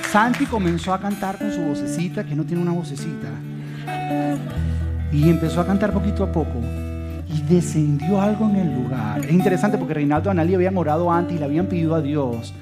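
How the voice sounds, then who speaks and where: A man telling a heartfelt story to a church audience, swinging between loud emphasis and hushed soft lines. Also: on the high side, fairly quick. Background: soft guitar music.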